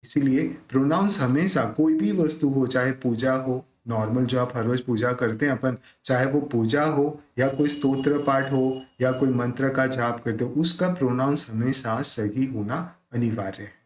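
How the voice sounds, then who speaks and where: In an echoey room, a man with a medium-pitched voice gives a pronunciation lesson for a devotional hymn. He explains each word, then recites it slowly and repeats it.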